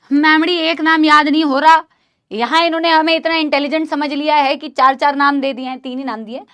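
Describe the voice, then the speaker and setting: Bright high-voiced woman teaching a class. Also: no echo, studio quality. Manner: drills pronunciation, chatty and scolding. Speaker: biology teacher. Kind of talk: live online class lecture.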